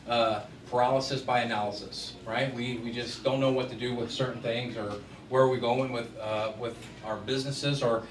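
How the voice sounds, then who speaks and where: A deep-voiced, middle-aged guest speaker from Washington State on the US West Coast gives a casual business presentation to an audience in an event room. He's chatty and conversational, with frequent fillers. The mic sits far off in an echoey room, with faint noise.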